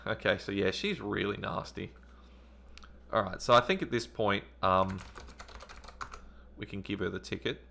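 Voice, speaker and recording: A man hosting a retro gaming playthrough, reading the game text and musing aloud with hesitant ums. His voice is low and gravelly, with a bright, forward edge. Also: unhurried, pauses often, a little hiss or hum. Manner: thinks aloud with hesitant ums while playing. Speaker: retro gaming channel host. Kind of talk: let's-play commentary reading game text.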